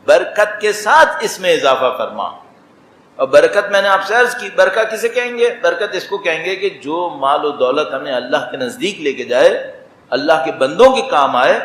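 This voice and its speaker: A man with a Pakistani Urdu accent preaches a sermon to a gathered audience. His voice sits somewhat high and often rises into emphatic exclamations. The hall sounds echoey, with faint ambient noise behind him. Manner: animated, rising to emphatic exclamations. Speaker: religious speaker.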